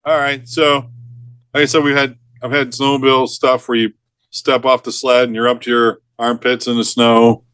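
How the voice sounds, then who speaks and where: A man's voice: medium pitch, moderate pace, clear, resonant tone, no room sound. A middle-aged man, a retired forest ranger, telling rescue stories in a casual interview, often laughing mid-sentence and acting out what people said. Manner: lively storyteller who laughs mid-sentence and acts out quotes.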